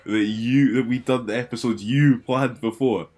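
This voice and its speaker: A man's voice: mid-range voice, fairly even intonation, moderate pace, a little mellow, soft background music. A young man with a London roadman accent, bantering casually and teasingly in street slang as a podcast co-host. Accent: London, urban roadman slang. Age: young adult.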